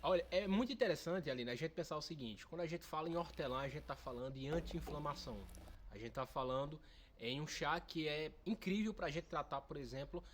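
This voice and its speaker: A man, answering interview questions as a nutritionist. He explains with eager enthusiasm. His voice sits a little on the high side. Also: expressive, fairly quick, slight background noise. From Brazil's Northeast, Pernambuco. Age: 20s. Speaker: nutritionist guest.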